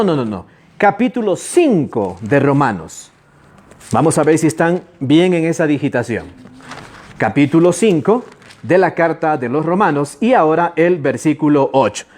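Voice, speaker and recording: A man preaching a sermon as pastor, urging listeners with rhetorical questions and slowing down to stretch key words. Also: fairly high pitch, darkish tone. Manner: stretches key words slowly, then rushes asides.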